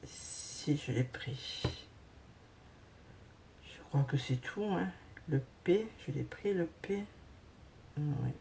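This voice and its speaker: A woman's voice: low-pitched, lively intonation, extremely slow, gravelly, pauses often, dark tone, a little hiss or hum. A woman hosting a casual craft tutorial who hesitates often with fillers while she sorts beads and talks to viewers.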